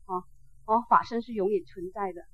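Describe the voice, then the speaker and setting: A woman voicing a calm, dying old teacher. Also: mid-range voice, brisk, slightly rough, no echo, voice pushed down, lightly acted. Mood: reassuring. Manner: soothing, reassuring. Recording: dull, dry lo-fi recording.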